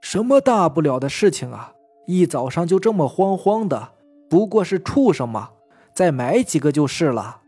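A man's voice: on the high side, animated, measured pace, a little mellow, soft background music. A man voicing an irritable wealthy household master who talks in a commanding, impatient way.

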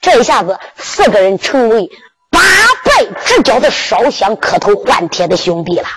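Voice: mid-range voice, sing-song, moderate pace, a bit bright, a little hiss or hum, poor audio. A storyteller with a Henan accent, chanting and narrating a Henan zhuizi tale.

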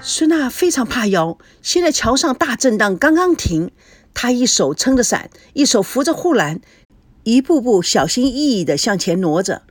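A woman's voice: on the high side, moderate pace, soft background music. A woman narrating a romance novel as an audiobook, voicing each character in turn. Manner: expressive, voices each character.

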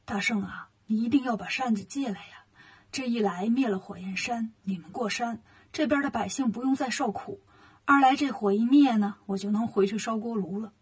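A woman voicing a gentle old male earth god in a storybook, who speaks slowly and coaxingly. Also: slightly rough. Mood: confiding. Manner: slow, coaxing, lowered voice.

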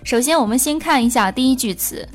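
A woman teaching English pronunciation in a lesson, patiently repeating phrases slowly as she demonstrates them. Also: sits high, expressive.

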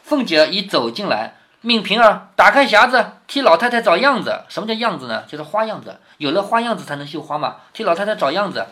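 Man reading aloud with lively commentary. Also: sits high, fast, few pauses. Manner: explains and asks rhetorical questions. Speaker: father reading to his daughter.

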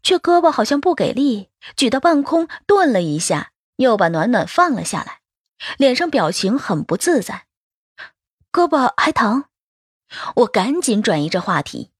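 A woman reading a first-person story aloud as an audiobook narrator, expressive in her telling. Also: on the high side, normal speed, husky, no room sound, studio quality.

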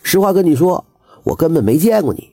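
A male storyteller voicing a lazy, drowsy young man who mumbles slowly as if half asleep. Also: a little high, big pitch swings, dark tone, faint music behind, pitched above the performer's own voice. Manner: slow, mumbling, yawning, indifferent.

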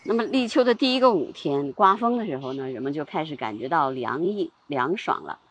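A woman hosting a relaxed talk on seasonal customs, chatty, with many fillers and small laughs. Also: low voice, fairly quick, slight background noise. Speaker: host.

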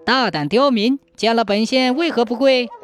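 A woman plays a puffed-up county magistrate from an old folk tale. He blusters and sneers at those beneath him, in a slightly raised voice. Soft background music plays under the reading. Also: fairly high pitch, normal speed, lightly acted. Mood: blustering. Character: pompous, hot-tempered male county magistrate.

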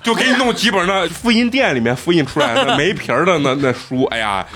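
A man's voice: on the high side, sing-song, fairly quick, a crowd in the background. A man in a casual group chat, cracking jokes and adding quips. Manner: joking quips and backchannel. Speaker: podcast co-host.

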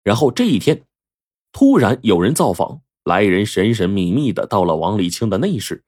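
Lively husky male storyteller. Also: lowish voice, normal speed, no room sound, studio quality. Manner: animated, dramatic narration. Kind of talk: oral storytelling.

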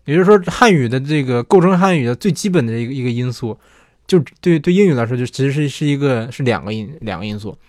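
A man's voice: mid-range voice, animated, fast, no echo, clean studio sound. A male host casually explaining things to listeners. He often rephrases himself and checks for agreement as he talks. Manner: chatty, rephrases often, asks "对不对" for agreement. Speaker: host answering listener questions.

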